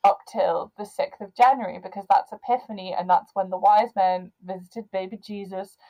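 A woman's voice: mid-range voice, fairly even intonation, normal speed, highs cut off. Chatty woman recapping a film. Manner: chatty, recounting scenes with playful asides. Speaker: podcast co-host. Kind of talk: casual film review chat.

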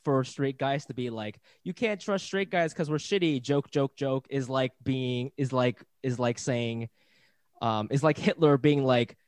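A man in his thirties talking on a podcast, restarting his sentences as he goes. He rambles and gets excitable. The recording is dry, with no room sound. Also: medium pitch, measured pace, clean tone, no room sound. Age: 30s. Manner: rambling, self-interrupting, excitable. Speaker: podcast co-host guest. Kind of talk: casual podcast chat.

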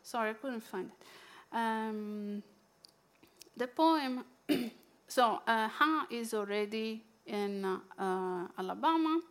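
A woman with an Italian accent who talks through books she loves, reads a poem aloud, and pauses often with fillers and restarts. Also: a little high. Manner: halting, many fillers and restarts. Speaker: book presenter. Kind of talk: casual book sharing with a poetry reading.

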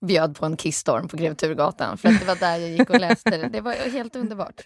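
A woman's voice: lowish voice, a crowd in the background. A woman co-hosting a podcast who teases her co-host and asks curious questions in casual chat. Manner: teasing, curious interviewer.

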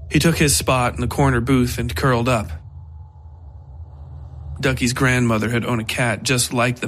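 A man narrates a scripted horror story in a medium-pitched, fairly bright voice. Music plays behind him, and there's slight background noise.

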